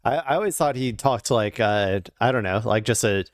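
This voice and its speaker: A man's voice: medium pitch, animated, moderate pace, no echo, clean studio sound. A man commenting casually on political news clips, rambling with frequent fillers and restarts.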